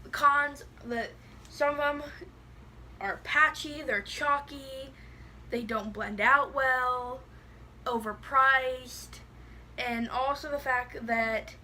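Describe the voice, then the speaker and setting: A woman's voice: high voice, fairly even intonation, slow pace, pushed and bright, a little hiss or hum. A woman with a lisp that makes her s sound slushy, chatting casually and bluntly through a product review, rambling with lots of "like". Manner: blunt, rambling, heavy use of "like".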